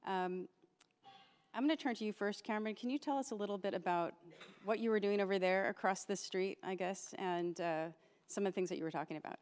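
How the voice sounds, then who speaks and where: A woman's voice: mid-range voice, a little fast, darkish tone, smooth. A woman from Hawaii, moderating a conference panel in an informal way and mixing in words. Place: conference hall stage. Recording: long reverb of a large hall.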